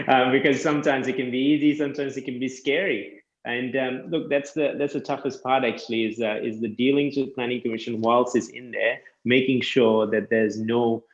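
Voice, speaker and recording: A man who works as a land surveyor, chatting casually and explaining things step by step with quick self-corrections. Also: mid-range voice, fairly even intonation, echoey room, muffled recording. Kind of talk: casual podcast chat.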